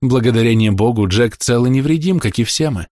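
A man's voice: medium pitch, brisk, a little mellow, no echo, studio quality, close to an everyday voice. A man reading an audiobook, voicing a firm, courteous, reserved mother.

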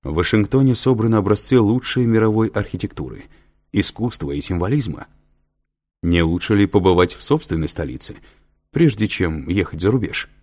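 A man's voice: lowish voice, lively intonation, moderate pace, darkish tone. A man reading an audiobook, voicing a patient male professor who explains and lectures with dry humor. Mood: lecturing. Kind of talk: audiobook character voice.

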